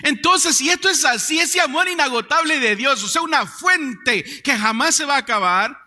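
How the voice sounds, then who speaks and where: A man preaching a sermon as pastor, calling out to his congregation to repeat words, swinging from loud proclamations to quiet low lines. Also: animated, moderate pace. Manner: preaching with call-and-response to the congregation. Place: church sanctuary. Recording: church hall reverb.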